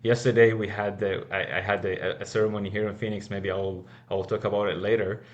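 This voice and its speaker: Man, podcast guest, earnest, lowish voice, restarts and repeats himself. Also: little pitch movement, a little fast, dull audio. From Iraq. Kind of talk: casual interview answers.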